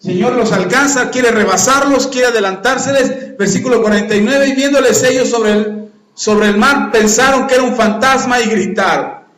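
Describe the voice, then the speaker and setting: A man, preaching a sermon in a church with animated, dramatic delivery and acted-out voices. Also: extremely high pitch. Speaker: pastor. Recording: echoey church hall.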